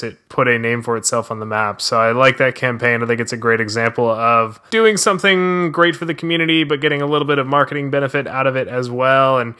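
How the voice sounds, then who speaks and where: A man's voice: medium pitch, sharp tone, smooth. A man hosting a podcast, talking in a conversational presenter's style. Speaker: podcast host, social media strategist. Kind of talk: podcast talk on marketing.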